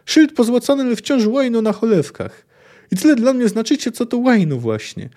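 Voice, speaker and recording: A balding young man screams abuse at a doorman from across the street, voiced by a male reader. His voice shoots up high and loud. The tone stays mellow and dark underneath. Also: sing-song, moderate pace, full character voice. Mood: indignant. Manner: shouting abuse from a distance. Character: bald young man, shrill and insulting.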